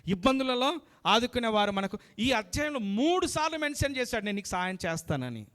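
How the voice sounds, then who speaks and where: A man delivers a church sermon in a high-pitched voice. He speaks straight to the congregation, asks them questions again and again, and calls on them to answer amen. English words and phrases turn up often in his preaching. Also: sing-song, fairly quick, fairly bright tone. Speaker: pastor.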